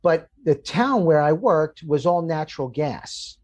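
A man who works as a firefighter, telling a long personal story in conversation, halting and restarting as he goes and growing emotional. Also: fairly high pitch, lively intonation, darkish tone. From Florida. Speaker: firefighter guest.

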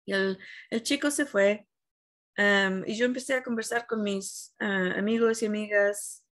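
Speaking in a mid-range voice at a measured pace, a woman spiritual teacher gives a reflective, conversational talk. She retells a story animatedly and often searches for the right word.

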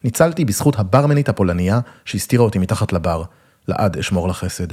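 A man reads a first-person story aloud, wry and self-mocking. His voice sits low and sounds husky. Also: expressive, a little mellow. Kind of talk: first-person literary reading.

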